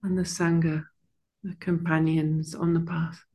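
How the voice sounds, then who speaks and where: A soft-spoken teacher guides her online class through meditation from a monastery room, starting slow and gentle before shifting to warm, filler-heavy chat. Her voice is low-pitched and husky, with a flat delivery.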